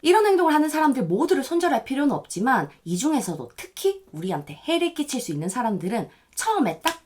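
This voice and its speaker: Lively, high-voiced woman giving relationship advice. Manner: addresses viewers directly, explanatory, switches between polite and casual speech; acts out short quoted remarks in dialogue. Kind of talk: direct-to-camera advice talk.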